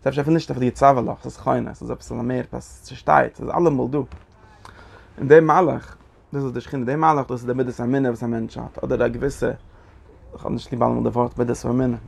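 A man giving a Torah study lecture, halting and repeating his phrases as he works through the text. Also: medium pitch, fairly even intonation, gravelly, husky. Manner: halting, repeats phrases, mixes Yiddish and Hebrew terms into German. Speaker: Torah teacher.

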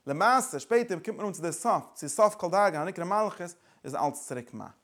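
A man's voice: sits high, animated, brisk, a bit bright. A man lecturing like a teacher, driving his explanation forward with repeated phrases and words from several languages.

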